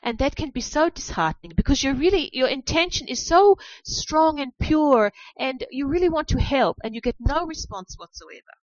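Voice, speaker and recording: A woman leads a group discussion and speaks for the whole group in a gentle, encouraging way. Her voice comes through a dull, lo-fi recording with no room sound at all. It sounds close and dry. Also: sits high, animated, normal speed, hardly any pauses, no room sound. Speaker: group facilitator. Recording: muffled lo-fi, dry.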